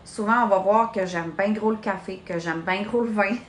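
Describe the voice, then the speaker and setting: A woman's voice: mid-range voice, normal speed, roomy sound, slight background noise. A woman in her late twenties with a Québécois French accent, coaching her sales team in a chatty, direct live training. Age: late 20s. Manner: chatty, direct, addresses listener as "tu". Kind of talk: live social media training.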